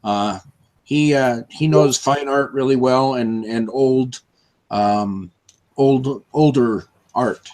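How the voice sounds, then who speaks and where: Co-hosting a live stream over a video call, a man with a chest cold keeps the chat upbeat and full of fillers. His voice is medium-pitched, slow, and a little mellow.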